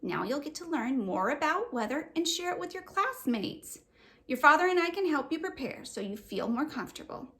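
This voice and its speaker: A woman reads a children's book aloud, voicing a kind, patient mother of two young girls who comforts and encourages. She puts on an exaggerated, very animated voice pitched high above her own, fairly bright, at a moderate pace.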